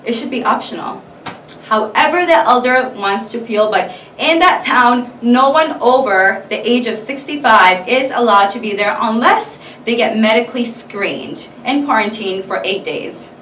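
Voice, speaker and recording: A vlogger with a fairly high, bright voice and lively intonation talks at a moderate pace to her viewers. Her chatter is scattered and packed with fillers, recorded in an echoey room with a distant mic and slight background noise.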